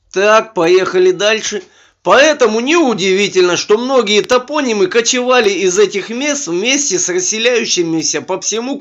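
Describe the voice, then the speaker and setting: Male amateur narrator, high-pitched, can't pronounce R cleanly, reads and comments casually, muffled low-fidelity sound. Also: a bit bright. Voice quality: burred r, a speech impediment on the r sound. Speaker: video blogger. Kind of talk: reading texts aloud with informal commentary. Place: voice-over recorded over a screen capture. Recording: dull, lo-fi microphone sound.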